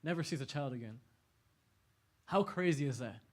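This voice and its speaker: In a large indoor hall at an Islamic center, a man lectures a youth audience casually and with animation, laughing often. He has a medium-pitched voice and speaks at a moderate pace.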